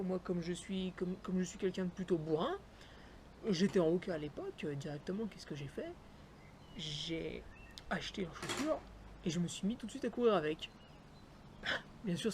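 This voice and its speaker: A man's voice: high-pitched, a little mellow, slight background noise. A young man, a trail runner, chatting casually and jokingly to the viewer while reviewing his running shoes. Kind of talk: casual gear review vlog.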